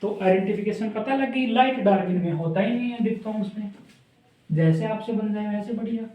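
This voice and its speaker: A man's voice: high-pitched, fairly quick. A man teaching a shorthand lesson, repeating sounds aloud as he draws strokes. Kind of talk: classroom lesson. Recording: echoey room from a distant mic, dull.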